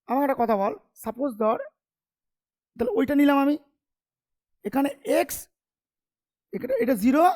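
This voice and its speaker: In an informal classroom lecture, a commerce tutor with a very high-pitched, darkish voice talks to students in a familiar, teasing way. He stays chatty and keeps asking quick questions to see if they follow.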